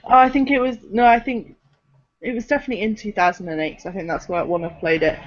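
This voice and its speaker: A woman's voice: mid-range voice, steady tone, fast talker. Hesitant woman in dull podcast audio. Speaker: podcast co-host. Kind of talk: casual chat.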